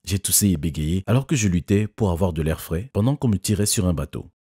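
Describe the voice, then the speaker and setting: A man doing scripted first-person narration of an animated story. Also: deep voice, fairly quick, husky, no echo, studio quality.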